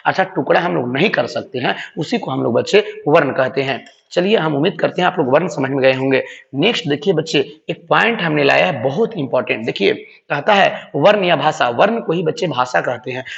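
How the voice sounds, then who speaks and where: Gravelly-voiced male grammar teacher. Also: a little high, animated, brisk, a bit bright. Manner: repeats points, addresses students as children. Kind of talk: classroom grammar lesson. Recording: roomy long-reverb room, dull lo-fi sound.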